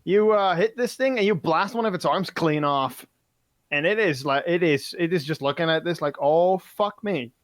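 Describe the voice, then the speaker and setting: A man's voice: fairly high pitch, normal speed, fairly bright tone, no room sound. A man running a tabletop game online, narrating loosely with lots of fillers and swearing. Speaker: game master.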